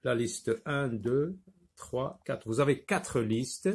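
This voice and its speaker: Slow, patient male phonics teacher. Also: medium pitch, husky. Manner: slow, patient, repeats words syllable by syllable; switches briefly into Arabic to explain. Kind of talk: primary school phonics lesson.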